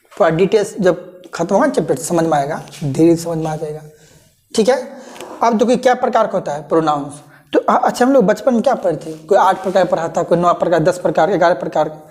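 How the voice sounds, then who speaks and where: A woman teaching an English grammar lesson, repeating terms slowly and often checking that students understand. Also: on the low side, a little mellow. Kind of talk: classroom lesson explaining pronouns.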